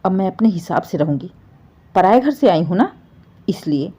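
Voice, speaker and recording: A woman's voice: fairly low pitch, expressive, normal speed, dark tone, slightly rough. A woman voicing a young daughter-in-law who answers back coldly, defiantly and sarcastically. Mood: bitter, cold.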